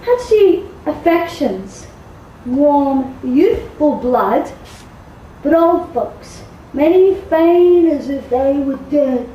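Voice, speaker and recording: Lovesick young girl, eager and pleading, woman on stage; very high, roomy distant sound. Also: animated, extremely slow, dark tone, heavily acted. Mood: restless. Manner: eager, pleading, repeated urging. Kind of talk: stage acting. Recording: roomy hall, faint noise, from far.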